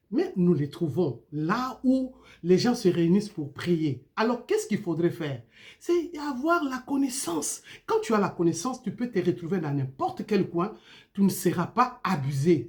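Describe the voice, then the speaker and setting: Lively woman preaching. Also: mid-range voice. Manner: animated, full of rhetorical questions and tag "hein?". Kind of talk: informal video sermon.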